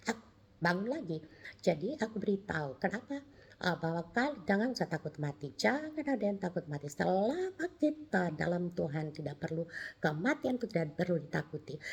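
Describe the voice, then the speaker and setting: A middle-aged woman, giving a personal testimony in an animated, storytelling way, acting out the dialogue and often restarting her sentences. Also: lowish voice, husky. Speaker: testimony speaker.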